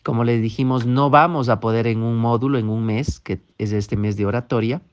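A man's voice: mid-range voice, fairly even intonation, brisk, muffled recording. A man teaching public speaking, earnest and direct, often checking in with the listener. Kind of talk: instructional talk. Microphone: microphone.

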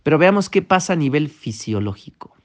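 A man's voice: fairly high pitch, sing-song, a little fast. A man teaching public speaking, earnest and direct, often checking in with the listener. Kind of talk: instructional talk. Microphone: microphone.

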